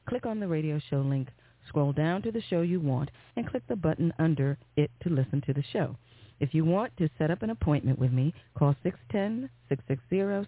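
A woman hosting a radio program, reading scripted announcements and news over a phone-like connection. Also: sits low. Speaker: radio host. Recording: dry, tinny phone-line sound.

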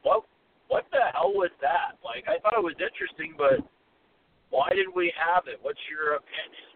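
A man's voice: a little high, very animated, moderate pace. A man calling in on speakerphone from a car, chatting casually and apologizing for the connection. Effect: speakerphone call from a car. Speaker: podcast guest calling in. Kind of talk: casual chat. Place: inside a rental car. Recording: tinny phone line with faint noise.

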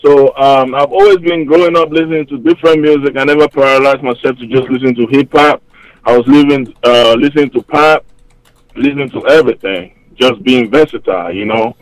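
Heard over a rough, dry remote connection, this medium-pitched man speaks with a Cameroonian accent. A hip-hop artist guesting on an interview show, he sounds upbeat and casual, rambling in quick bursts with many fillers.

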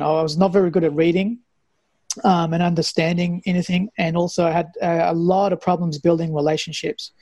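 A man in his 40s, born in Afghanistan and now from Australia, tells his own story reflectively as an interview guest. He is a health practitioner and mentor who speaks conversationally. His voice is on the high side and darkish, with no echo.

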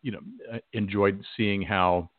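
A man's voice: lowish voice, steady tone, measured pace, dry recording, narrow, tinny audio. A man hosting a radio talk show, chatting casually with many restarts and acted-out quotes. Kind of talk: casual chat.

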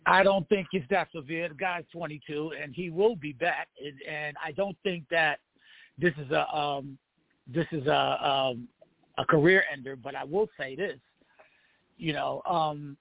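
Man, sports show host, hoarse failing voice, husky, casual and informal, phone-like sound with room echo. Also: a little high, fairly even intonation, unhurried. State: hoarse, voice giving out.

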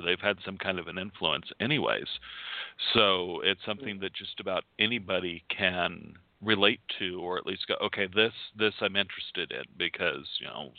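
A man's voice: low-pitched, dry recording. A male podcast co-host who chats in an easygoing, joking way. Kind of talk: casual chat. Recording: dry, phone-like line.

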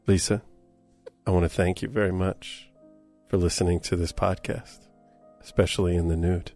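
A man putting on a creepy, seductive low voice, crooning slowly to a listener. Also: flat delivery, darkish tone, soft background music. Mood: sultry. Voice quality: low, breathy, lustful crooning.

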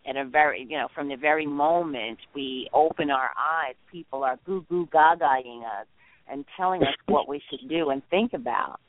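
A man's voice: a little high, normal speed, no echo. A man with a slightly raised voice talks on speakerphone through a tinny phone line. He gives an earnest spiritual talk as a guest on a call-in show. His phrasing circles back and repeats itself.

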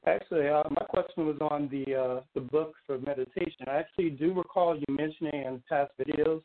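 Hesitant New man over phone. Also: fairly high pitch. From New Orleans, Louisiana. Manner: hesitant, halting, repeats "actually". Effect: heard over a phone line. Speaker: caller. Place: at work. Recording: tinny narrow phone line.

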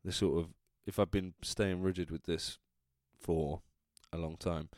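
A man's voice: sits low, steady tone, a little slow, darkish tone, no echo, clean studio sound. A drunk man with an English accent, chatting casually as a solo podcast host, rambling, interrupting himself and trailing off. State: drunk, tipsy.

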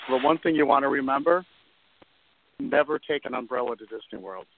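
A man's voice: mid-range voice, a little fast, no room sound. Man on a crackly, staticky phone line. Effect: crackly, staticky call line that fades in and out. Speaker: podcast panelist. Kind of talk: casual chat.

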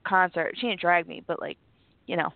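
A woman with an American accent and a deep, hoarse voice that is giving out, chatting casually as a show co-host. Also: fairly quick, no echo, phone-quality sound. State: hoarse, voice going, congested from bronchitis. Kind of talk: casual chat.

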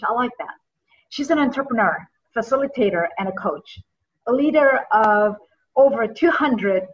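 A woman's voice: mid-range voice, husky. A woman hosting a podcast interview, chatty and teasing as she reads the guest's bio and asks questions. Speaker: podcast host. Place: Southern California. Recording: dull lo-fi audio.

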